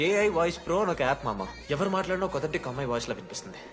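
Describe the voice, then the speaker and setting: An actor playing an excitable young male college student who teases his friends, then pleads when caught. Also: a little high. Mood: sheepish. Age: young adult. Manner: excitable, quick shifts to pleading. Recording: film soundtrack with music behind.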